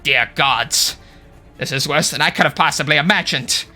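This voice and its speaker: A man voicing an elderly, overstressed male goblin scholar in a tabletop game, speaking gravely and formally. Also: a little high, moderate pace, pushed and bright, soft background music. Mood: urgent, formal.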